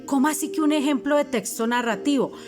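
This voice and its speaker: A worried schoolchild pleads with the teacher and complains in a small, anxious voice, as a woman teacher acts the part in a lesson video. Faint music plays softly behind. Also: high voice, fairly quick, pitched above the performer's own voice, close to an everyday voice. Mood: pleading. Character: worried young schoolchild asking questions.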